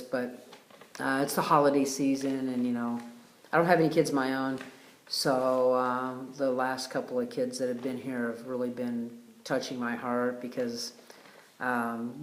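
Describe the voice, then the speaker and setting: A man hosting a retreat, giving a casual, heartfelt video message with many pauses and fillers. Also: mid-range voice. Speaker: retreat host. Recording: roomy echo.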